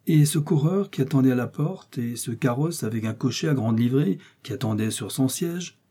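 A man's voice: mid-range voice, animated, normal speed, warm tone, slightly rough, voice pushed up. A man voicing a jealous, pleading middle-aged woman who speaks in a plaintive, sighing manner, in a storybook reading. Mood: coaxing.

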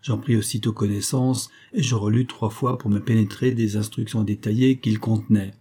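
A man reading a novel aloud as an audiobook narrator in a measured, storytelling way. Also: lowish voice, steady tone, warm tone, slightly rough. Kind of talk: scripted narration.

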